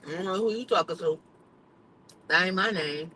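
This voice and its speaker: Blunt, bright-voiced woman vlogger. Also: lowish voice, moderate pace, a little hiss or hum, rough recording. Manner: blunt, emphatic, swears freely. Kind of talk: casual livestream chat.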